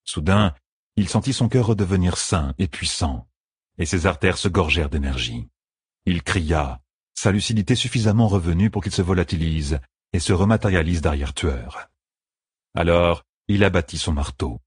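The voice is a man's, very deep with a husky edge, narrating a fantasy novel for an audiobook. He speaks from a script in a calm, measured way. There's no echo, and the sound sits dry and close to the mic.

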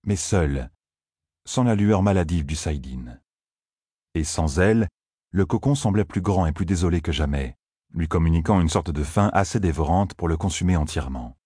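A man narrating an audiobook in a steady, measured reading voice. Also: low voice, slightly rough, dry recording, clean studio sound.

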